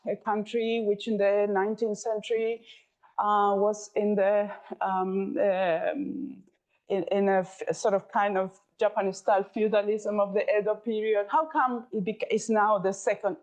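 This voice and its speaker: A woman in her fifties with a Spanish accent gives a keynote talk about her own path. She speaks in a mid-range voice, circling back and restarting her phrases as she tells her story. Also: medium pitch. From Spain, Canary Islands. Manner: personal storytelling with frequent restarts and fillers.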